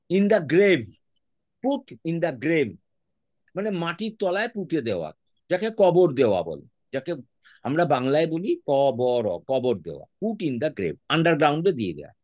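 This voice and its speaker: Bengali-accented male teacher, online lesson, patient speller, animated pitch, dry sound. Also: no echo. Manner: patient, spells words out letter by letter; mixes English words into his speech.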